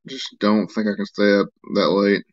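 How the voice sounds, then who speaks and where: Tired man, low voice, rambling live-stream host reading chat, slightly muffled lo-fi audio. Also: normal speed. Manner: rambling, relaxed, reads and answers chat comments. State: tired, yawning.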